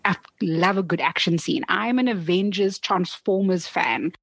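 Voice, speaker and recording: A South African woman whose first language is Afrikaans chats as a guest in a casual interview, lively, playful and laughing often. Her voice is fairly low, gravelly and husky, a little slow, with no echo.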